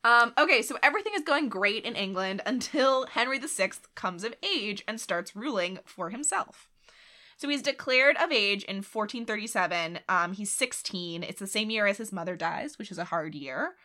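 A woman co-hosting a podcast, casually telling history with frequent laughs and quick voiced asides. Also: medium pitch, animated, bright, forceful tone. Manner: chatty, laughs often, voices quoted figures in asides. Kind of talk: casual chat.

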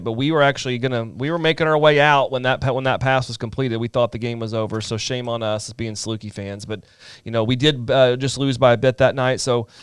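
A man co-hosting a casual sports talk, recalling things in a rambling, halting way. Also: mid-range voice, smooth, no echo, studio quality. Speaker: podcast co-host.

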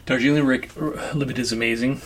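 A man's voice: mid-range voice, steady tone, brisk, heavy background noise. A man hosting a casual podcast chat about movies, laughing and rambling as he tells stories. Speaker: podcast host.

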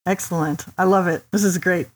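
A woman's voice: lowish voice, steady tone, brisk, slightly rough. A woman co-hosting an interview over a video call, asking questions in an enthusiastic way. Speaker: co-host.

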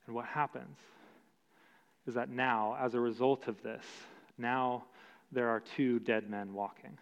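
A man preaching a sermon as pastor, slow and emphatic with long pauses. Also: medium pitch, steady tone, clear, resonant tone. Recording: dull sound with long hall reverb.

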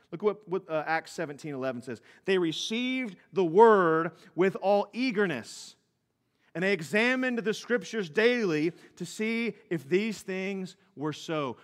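A man in his thirties preaching a sermon as pastor, earnest, going from loud emphasis to quiet tender asides. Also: sits high. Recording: long reverb of a hall.

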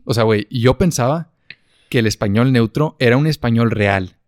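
A man's voice: medium pitch, moderate pace, no echo, studio quality. A man with a Mexican accent, co-hosting a casual chat and joking with slang. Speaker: co-host.

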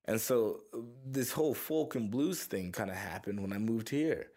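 With a fairly low voice at a moderate pace, a young musician from around Houston, Texas, rambles through stories in an interview. He's relaxed and casual, and he swears freely.

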